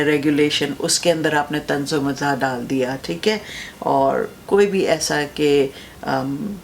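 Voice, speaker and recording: A woman teacher with a low voice talks other teachers through classroom ideas. She explains step by step, keeps checking in with her listeners and drops English phrases into her sentences. A faint hum sits behind her. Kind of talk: teacher-training talk.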